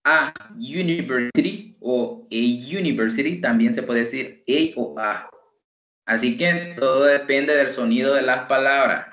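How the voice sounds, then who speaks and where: Salvadoran guy teaching english online, slow and repeats every word, bright voice, roomy muffled call audio. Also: medium pitch. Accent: Salvadoran Spanish. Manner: slow, repeats words for pronunciation drills. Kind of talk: online class lesson.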